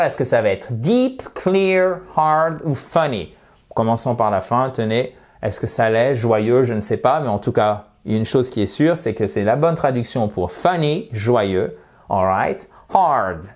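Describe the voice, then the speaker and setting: Slow, patient male English teacher. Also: mid-range voice, darkish tone. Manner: patient, repeats words slowly, stresses English pronunciation. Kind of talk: vocabulary lesson in French with English examples.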